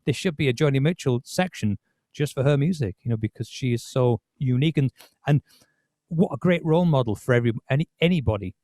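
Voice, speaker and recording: A man's voice: mid-range voice, expressive, fast talker, mellow, dry recording, studio quality. A man hosting a podcast, talking casually about music with many restarts. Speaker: podcast host.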